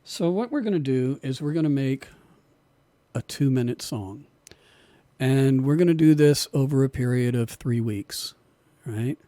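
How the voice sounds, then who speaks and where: A man teaches an online recording class in a dark, mellow voice that is a bit worn from losing it. His talk is relaxed and loose, with repeated words as he explains. The sound is dry and close. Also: medium pitch, dry recording. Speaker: music production instructor.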